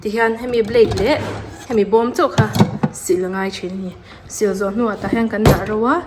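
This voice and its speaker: A woman's voice: mid-range voice, brisk, very noisy. A young adult woman vlogger, talking casually and chattily as she explains things to her viewers. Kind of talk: casual vlog chat.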